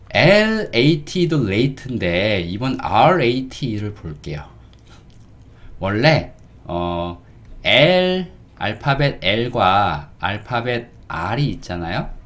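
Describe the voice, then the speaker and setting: An English teacher gives a casual spoken lesson, speaking slowly and drawing out his words while often checking in with the listener. His voice is fairly low in pitch with a fairly bright tone.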